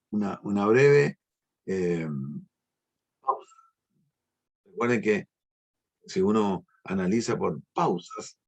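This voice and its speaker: A middle-aged man teaching a language lesson, explaining slowly and emphatically with tag questions. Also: fairly low pitch, gravelly, slightly rough.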